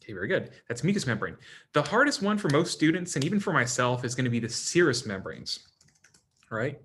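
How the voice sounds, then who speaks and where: A man teaching an anatomy class in a relaxed, conversational way, calling on students by name and checking in with "right?" and "okay?" often. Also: mid-range voice, brisk, slight background noise. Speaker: anatomy instructor. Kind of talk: classroom lecture.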